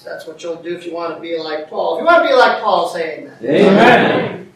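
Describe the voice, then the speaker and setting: A middle-aged man preaching a sermon as pastor, telling stories animatedly and shouting out quoted lines. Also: on the high side, expressive, fast talker, vocal fry. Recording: roomy echo, distant mic, faint ambience.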